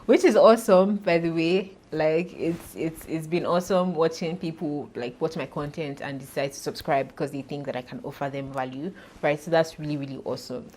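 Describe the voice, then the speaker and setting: A woman's voice: low voice, a little fast, few pauses, a little mellow. A young woman talking casually to camera in a chatty, self-deprecating way, laughing often. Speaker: YouTuber.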